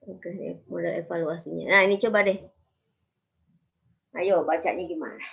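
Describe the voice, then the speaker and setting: A woman's voice: fairly low pitch, fairly even intonation, moderate pace, creaky, fairly bright tone, muffled recording. A woman lecturer teaching a university statistics class, often stopping to ask students questions and telling them to write things down. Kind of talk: university lecture on time series.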